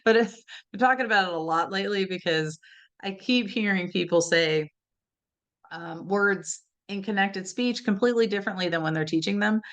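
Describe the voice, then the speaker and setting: A woman's voice: mid-range voice, normal speed, a bit bright, lo-fi sound. A woman presenting an educational webinar, talking conversationally with many "right?" and "you know" asides. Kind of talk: informal teaching talk.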